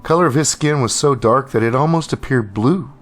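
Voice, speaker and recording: A man's voice: mid-range voice, fairly quick. A man narrating a first-person novel in a wry, conversational manner. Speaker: storyteller.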